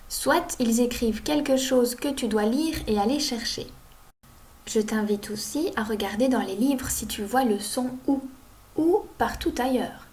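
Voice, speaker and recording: A woman teaching young children to read, sounding out each word slowly and clearly. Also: a little high, darkish tone. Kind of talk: reading lesson for young children.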